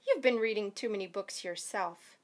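A woman's voice: mid-range voice, close to an everyday voice. A woman voicing a bold, bossy schoolgirl who talks sharply and insistently, reading from a children's novel. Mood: defensive. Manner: sharp and insistent, quick to scold.

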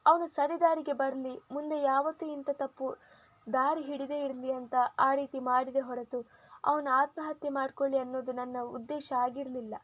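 A woman's voice: high voice, flat delivery, normal speed, muffled recording, natural voice. Woman voicing a shaky, guilt-ridden young woman. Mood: guilty, tearful. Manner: shaky, tearful.

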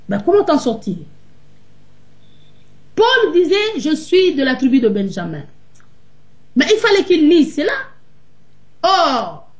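A woman's voice: sits high, a little mellow. Emphatic woman preaching on a video call. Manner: emphatic, rhetorical questions. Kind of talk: sermon-like teaching on a video call. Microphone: video call webcam.

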